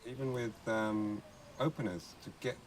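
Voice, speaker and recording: A man in conversation, posing halting questions about yoga practice and anatomy with frequent restarts. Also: fairly low pitch, steady tone, slight background noise. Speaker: yoga teacher asking questions. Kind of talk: conversational interview.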